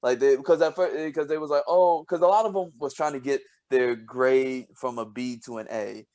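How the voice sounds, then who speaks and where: A man co-hosting a casual podcast, telling stories with lots of laughter and restarts, and dropping low and quiet when he quotes himself. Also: moderate pace. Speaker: podcast co-host, scientist. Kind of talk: casual storytelling chat.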